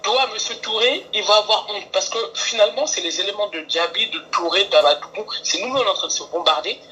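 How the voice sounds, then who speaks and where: Woman on a call into a live stream, bright edgy voice, earnest and pleading, a little hiss behind. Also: mid-range voice, quick pace, dull audio. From France. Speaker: caller.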